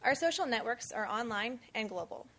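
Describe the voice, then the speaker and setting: Young woman, measured scripted delivery, introduces a panel on stage, voice pitched a bit high. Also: lively intonation, fairly bright tone. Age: 20s. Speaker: event speaker introducing a panel. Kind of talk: formal prepared remarks. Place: conference event on stage.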